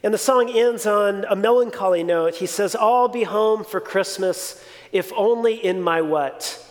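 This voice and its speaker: Pastor, forties, male, conversational reflective sermon delivery, higher voice. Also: a little slow. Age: 40s. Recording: reverberant hall.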